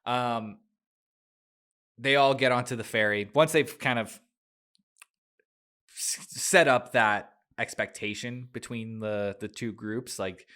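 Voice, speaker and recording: A young adult man hosting a casual book podcast, chatty and loose, laughing often, his throat dry so he keeps clearing it. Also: medium pitch, takes it slowly, pauses often, sharp tone. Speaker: podcast host.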